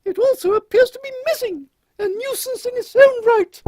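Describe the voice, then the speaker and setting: An extremely high-pitched old queen, acted by a man, holds forth in regal, fussy fashion for a comic audio drama. She is haughty and a little dotty. The recording is dry. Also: normal speed, a little mellow, no room sound. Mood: fussy, arch. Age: older. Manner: haughty, regal, fussy, uses royal "one". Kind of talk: steampunk radio comedy acting.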